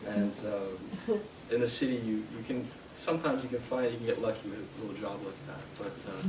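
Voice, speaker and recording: A young man from Canada giving a live poetry reading in a bookshop, hesitant with fillers between poems and steady in his verse. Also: lowish voice, a little fast. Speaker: poet. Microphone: distant from the mic. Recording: roomy, distant, noisy live room sound.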